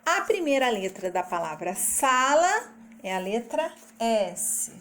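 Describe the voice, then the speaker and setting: Woman teacher, slightly high voice, explains each syllable and letter with slow, careful patience. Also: sing-song, a bit bright, slight background noise. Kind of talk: recorded literacy lesson for teachers.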